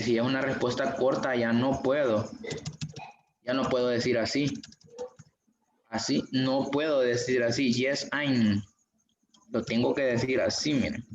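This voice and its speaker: Guy teaching english online, slow and patient, echoey room, kinda dull audio. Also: medium pitch, a little hiss or hum. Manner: slow, patient, repeats examples. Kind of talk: online class explanation. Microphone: video call.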